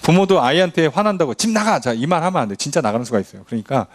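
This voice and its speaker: A man's voice: mid-range voice, animated, rapid-fire. A man, a pastor, teaching a midweek Bible study in a conversational way, often asking the congregation questions and acting out quoted lines. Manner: frequent affirming fillers and questions to the congregation.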